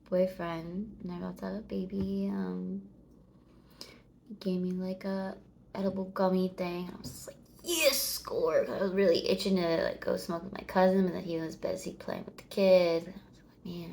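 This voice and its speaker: A vlogger in her thirties chats casually to the camera with a fairly low, creaky, darkish voice. She rambles and meanders, occasionally swearing.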